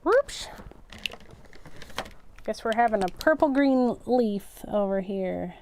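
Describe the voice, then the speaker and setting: A woman's voice: mid-range voice, measured pace, darkish tone, a little hiss or hum. A woman hosting a craft tutorial in a casual, rambling livestream chat, half talking to herself as she works. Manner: rambling, talks to herself while working.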